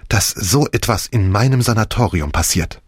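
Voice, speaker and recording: A man's voice: fairly low pitch, expressive, normal speed, slightly rough, no echo, clean studio sound. A man voicing a flustered, indignant middle-aged head nurse. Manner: agitated, indignant.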